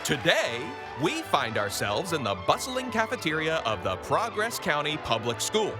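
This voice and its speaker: A chipper 1950s radio announcer. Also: male voice, on the high side, huge pitch swings, normal speed, over music. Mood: upbeat. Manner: showy, upbeat.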